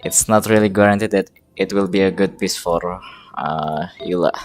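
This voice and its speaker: With game music playing behind them, a game livestreamer chats casually and hesitantly, muttering to themselves during a live stream. The voice is deep, at normal speed, with slight background noise.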